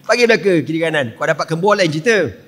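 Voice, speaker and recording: A male preacher with a Malaysian Malay accent tells a sacred story like a comic, in slangy asides. His voice sits high for a man. The hall gives every line a long reverb. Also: expressive, fast talker, a bit bright. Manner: playful, slangy, keeps asking the crowd "you know?".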